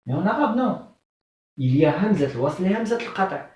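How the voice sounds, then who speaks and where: A man's voice: high-pitched, very animated, darkish tone, far from the mic, a little hiss or hum. A man teaching the alphabet in French, patiently repeating terms and checking understanding with the class. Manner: patient, repeats terms slowly, frequent "euh" and "d'accord?". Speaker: Arabic teacher. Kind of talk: classroom lesson explaining the alphabet. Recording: very echoey room, voice off-mic.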